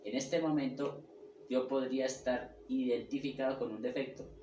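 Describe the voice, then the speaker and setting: A man's voice: mid-range voice, steady tone, mellow, muffled recording, slight background noise. Guy giving a spiritual talk, keeps checking in with the room, stops and restarts a lot, echoey and kinda far from the mic. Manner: checks in often with a questioning "sí?"; halting, with restarts and repeated words. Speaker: spiritual teacher. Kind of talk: lecture on the ego and personality.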